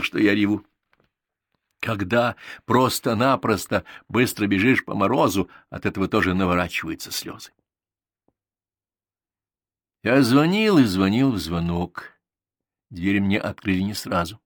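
A man narrating an audiobook in a steady, even storytelling manner. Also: on the low side, no echo, clean studio sound. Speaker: audiobook reader. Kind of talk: scripted narration.

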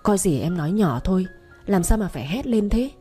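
A woman's voice: medium pitch, big pitch swings, brisk, dark tone, faint music behind, close to an everyday voice. A woman voicing an evasive, flustered husband who tries to placate his wife. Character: evasive cheating husband, man.

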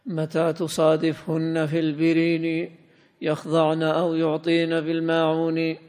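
A man reading a classical commentary aloud in a smooth, measured recitation for a lesson. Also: fairly high pitch, monotone, darkish tone. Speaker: student reading the text aloud. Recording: long hall reverb.

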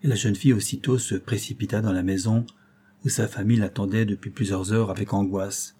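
Homme à la voix voilée et sombre. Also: male voice, lowish voice, fairly even intonation, fairly quick, dark tone, breathy edge. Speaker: audiobook reader. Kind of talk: scripted narration of a classic tale.

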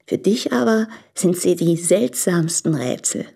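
Husky, low-voiced woman in a radio play. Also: expressive, a little slow, warm tone, full character voice. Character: married woman torn between husband and lover.

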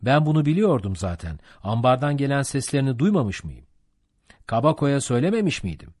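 A man's voice: medium pitch, sing-song, fairly quick, a little mellow, pitched above the performer's own voice. A man doing a boastful know-it-all sailor. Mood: insistent. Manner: insistent, boastful.

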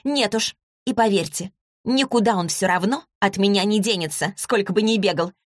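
A woman reading a story, voicing a scheming young woman who speaks in a shrill, mocking, defiant way. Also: normal speed, dry recording, clean studio sound, close to an everyday voice.

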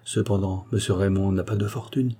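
A man reading as a calm, shrewd detective. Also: sits low, husky. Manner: measured, composed questioning. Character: calm, shrewd male detective in middle age.

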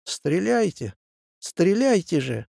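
Man reading as a quarrelsome old partisan for a storybook, raised pitch, gravelly edge. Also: normal speed, no room sound, clean studio sound, natural voice. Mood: indignant shouting. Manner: shouting, indignant. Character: hot-tempered old male partisan.

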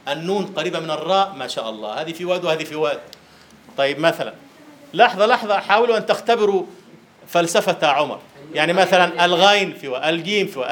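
A man lecturing on Arabic prosody in a classroom, teasing his students and slowly chanting verse syllables. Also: a little high, a bit bright. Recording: roomy lecture hall echo, faint hiss.

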